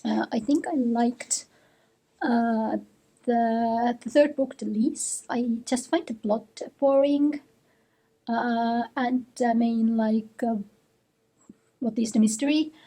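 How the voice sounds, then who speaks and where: A woman with a cold gives a casual reading vlog from her room at home, her voice husky and mellow and sitting fairly high. She talks haltingly, with plenty of fillers, as she chats through her sore throat. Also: steady tone. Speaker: book vlogger. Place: home room with bookshelves, indoors.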